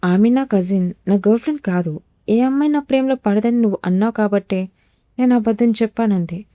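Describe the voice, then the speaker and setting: A woman voicing a young hot-tempered gangster husband in a storybook reading, forceful and demanding. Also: mid-range voice, a little fast, no room sound, natural voice. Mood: earnest.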